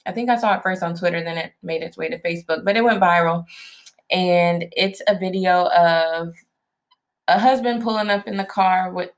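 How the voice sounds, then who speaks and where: A woman with a lowish voice speaks at a normal speed as she co-hosts a marriage podcast with her husband. It is a casual chat in which she tells stories in a chatty, easygoing way and laughs easily.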